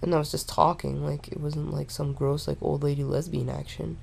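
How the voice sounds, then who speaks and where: A young woman rambling in a relaxed, stoned drawl, full of fillers and restarts, talking casually to her camera at home. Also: sits low, vocal fry, breathy edge. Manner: meandering, halting, with frequent fillers and restarts. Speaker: vlogger.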